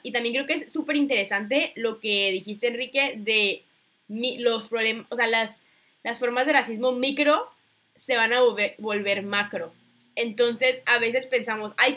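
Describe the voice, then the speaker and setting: A young woman with a high, very bright voice reflects softly and thoughtfully in a casual conversation. She speaks in a gentle, quiet way. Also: normal speed.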